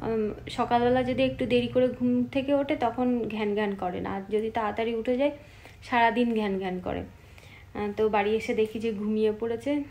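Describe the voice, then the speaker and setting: A woman vlogger in her thirties talking casually and softly about her shopping and home. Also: a little high, fairly even intonation, moderate pace, slight background noise. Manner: soft-spoken, hushed so a child can sleep.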